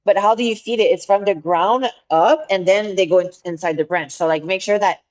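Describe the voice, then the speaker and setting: Her pitch is medium and her pace fairly quick, with a darkish tone and the high frequencies cut off. The woman, a French-accented podcast co-host speaking English as a second language, chats casually and earnestly while hunting for words.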